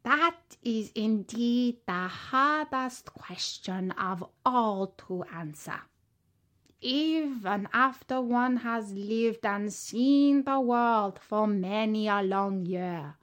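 A woman's voice: a little high, expressive. Fuchsius, a woman doing a wise old monkey. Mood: thoughtful. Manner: measured, thoughtful. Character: wise old male monkey, calm sage.

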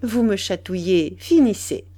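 A sly, composed young wife, voiced by a woman reading aloud. She speaks lightly and a little higher, with a teasing edge. The storybook reading stays slow and measured. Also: expressive, warm tone. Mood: protesting.

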